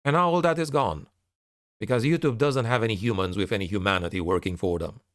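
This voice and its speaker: Low voiced guy doing a frank channel update, frustrated n sardonic, dry close sound. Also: fast, a bit bright, dry recording. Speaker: online narrator and content creator. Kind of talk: candid spoken channel update to viewers.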